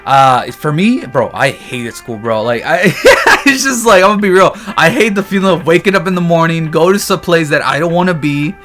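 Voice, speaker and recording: Speaking at a moderate clip with hardly any pauses, this young man from Texas, United States, keeps his vlog audience laughing through casual, slangy storytelling. His pitch is on the high side and a bit bright, and soft background music runs underneath.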